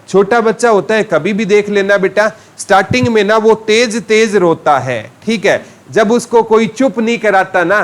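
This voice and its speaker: High-voiced man teaching a class. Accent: Haryanvi. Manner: asks questions and answers them himself, calling listeners "beta". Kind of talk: classroom lecture with memory tricks.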